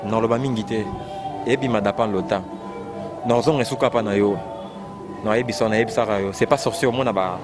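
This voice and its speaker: A man with a Congolese French accent in an animated, repetitive casual chat about music, exclaiming often. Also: on the low side, brisk, pauses often. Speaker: fan discussing rumba music. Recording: loud music playing behind.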